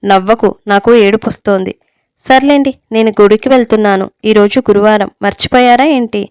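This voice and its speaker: A woman's voice: medium pitch, a little fast, darkish tone, clean tone, no room sound, natural voice. A woman voicing a worried, strong-willed middle-aged mother in a read-aloud story, speaking in a scolding, insistent way. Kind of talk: storybook reading.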